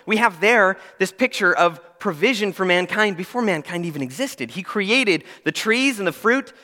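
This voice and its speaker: A man's voice: sits high, bright, forceful tone. A young adult man preaching a sermon, earnest and emphatic, with self-deprecating asides. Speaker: pastor. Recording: long reverb of a large hall.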